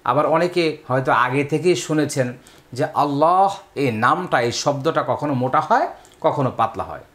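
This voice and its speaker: High-voiced man teaching Quran recitation. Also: fairly bright tone. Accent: Bangladeshi Bengali. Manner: explains rules, then chants and recites words slowly in a raised voice. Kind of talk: step-by-step recitation lesson.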